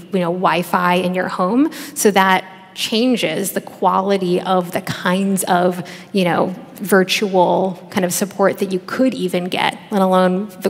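A woman's voice: fairly low pitch, little pitch movement, unhurried, few pauses. A woman in her thirties, a researcher and author on a conference panel, answering thoughtfully with many fillers and restarts into a headset mic. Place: large conference stage. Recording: long reverb of a large hall.

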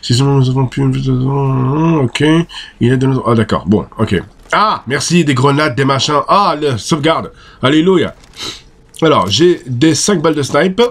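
A man with a French accent commenting on his own gameplay, excitable, swearing and shouting at the enemies. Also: medium pitch, measured pace. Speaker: gaming video host.

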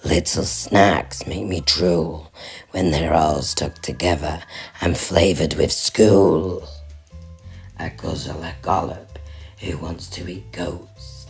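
A woman doing a greedy gravelly troll. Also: slow, full character voice. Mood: greedy relish. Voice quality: deep gravelly growl. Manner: gloating, relishing every word. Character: greedy hungry male troll, gleeful glutton. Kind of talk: storybook reading. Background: soft music.

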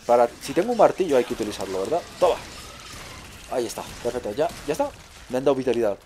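A man hosting a let's play video, commentating excitably, repeating short phrases in bursts and chatting to his viewers. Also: medium pitch, fast talker, soft background music. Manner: chatty, addresses viewers as a group. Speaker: gaming video host.

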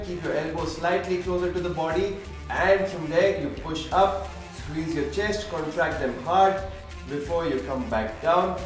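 A man's voice: on the high side, reverberant. A young man leading a home workout as a fitness trainer, explaining each move and counting reps aloud to keep everyone going. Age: young adult. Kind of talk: workout instruction. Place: home gym room, indoors.

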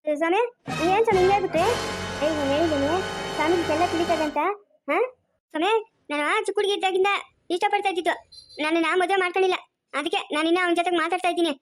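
Soft music plays behind an actress in an amateur village drama as she voices a fussing rural woman with a Chikkaballapur Kannada accent, chattering away, coaxing and scolding. Her pitch is very high and her delivery breakneck, yet her tone stays steady and the mood is playful banter.

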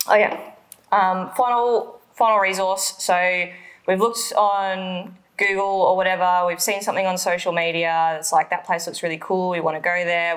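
A woman's voice: on the low side, fairly bright tone. A woman in her thirties with an Australian accent, co-hosting a travel vlog from her living room, chatting casually with lots of ums. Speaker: vlog co-host. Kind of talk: casual explainer chat.

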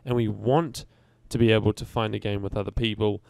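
Chatty man with a gravelly voice. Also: lowish voice, little pitch movement, fairly quick, darkish tone, no echo. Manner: chatty and rambling, often stops to correct himself. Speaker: game development tutorial host. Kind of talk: casual screen-recorded coding tutorial.

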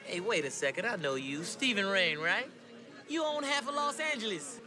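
An actor playing a brash, fast-talking male cop who boasts in street slang. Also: high-pitched, very animated, pushed and bright, slight background noise, full character voice. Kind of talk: film dialogue.

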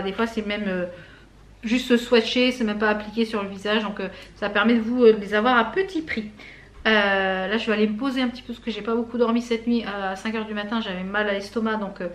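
A woman vlogging casually to camera, hoarse and out of breath, chatty and full of hesitant fillers. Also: fairly high pitch. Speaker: beauty vlogger. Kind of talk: casual vlog chat to camera.

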